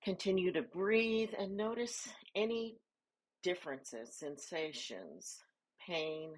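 A woman leading a guided body scan meditation, giving soft, calm instructions with pauses between phrases. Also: on the low side.

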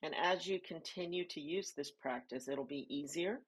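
A woman leading a guided body scan meditation, giving soft, calm instructions with pauses between phrases. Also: sits low, slightly rough.

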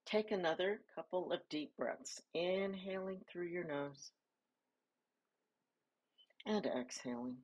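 A woman leading a guided body scan meditation, giving soft, calm instructions with pauses between phrases. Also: on the low side.

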